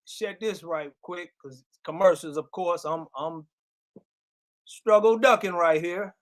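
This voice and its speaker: A man hosts his own live stream from a music studio, chatting in a loose, rambling way full of fillers. His voice sits a little high for a man. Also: takes it slowly. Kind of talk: casual live stream chat.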